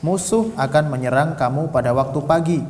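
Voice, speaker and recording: Steady male reader in a reverberant hall. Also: fairly high pitch, fairly quick. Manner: steady, formal reading. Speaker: reader of texts. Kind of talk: reading translations aloud.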